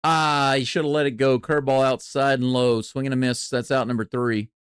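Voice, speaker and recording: A man doing live baseball play-by-play and reaction in a chatty, excitable way. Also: medium pitch, a little fast, clean tone, dry recording, clean studio sound. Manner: excitable, chatty, jumps from calm to loud cheering. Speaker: play-by-play streamer.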